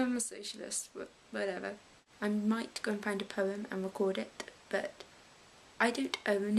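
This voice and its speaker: A woman's voice: medium pitch, creaky, a little hiss or hum, low-quality recording. A teenage girl with an English accent, rambling about politics in a casual vlog and often restarting her sentences. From England. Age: late teens. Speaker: vlogger.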